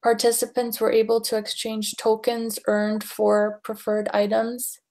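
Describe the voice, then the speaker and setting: A woman in her thirties reading a class presentation slowly over a video call. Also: on the high side. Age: 30s. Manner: slow, very flat reading. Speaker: student presenter.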